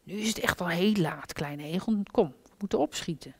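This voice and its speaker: Vrouw die een grote geduldige egel speelt. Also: female voice, fairly low pitch, moderate pace, husky, dry recording. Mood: urging. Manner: gently urging, kindly. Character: big patient older male hedgehog.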